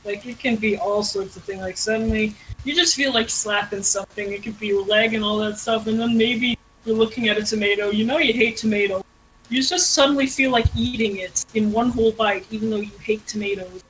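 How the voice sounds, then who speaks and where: A woman's voice: medium pitch, steady tone, fairly quick, fairly bright tone, rough recording. A young woman streamer chatting casually and rambling, laughing and swearing freely as she talks. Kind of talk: casual chat on a drawing stream call. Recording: faint background noise.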